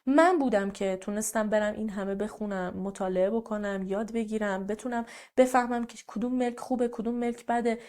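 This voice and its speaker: A woman's voice: mid-range voice, fairly even intonation, close to an everyday voice. Woman acting out a furious bossy wife. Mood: bitter. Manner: shouting, bossy commands. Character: furious scolding wife, middle-aged woman.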